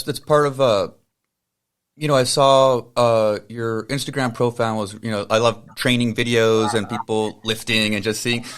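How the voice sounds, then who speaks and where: Male podcast host, mid pitch, rambling conversational delivery full of fillers. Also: fairly bright tone. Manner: rambling, many fillers and tangents. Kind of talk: casual podcast intro and interview.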